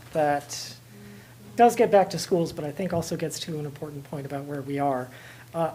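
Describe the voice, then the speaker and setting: Low, mellow American woman, measured and deliberate. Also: a little hiss or hum, poor audio. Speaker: library board trustee. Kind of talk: formal questioning at a public meeting.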